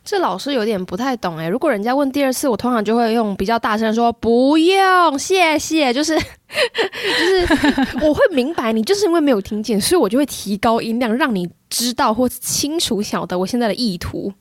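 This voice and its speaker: A young woman with a Taiwanese Mandarin accent, co-hosting a casual chat podcast, chatty and quick to comment, often laughing. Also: a little high, lively intonation, no room sound, studio quality. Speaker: podcast co-host.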